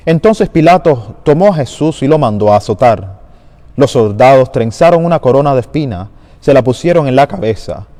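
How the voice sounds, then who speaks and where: A man giving a measured, solemn liturgical Gospel reading at a Good Friday service in a large church. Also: mid-range voice, dark tone. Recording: long church reverb.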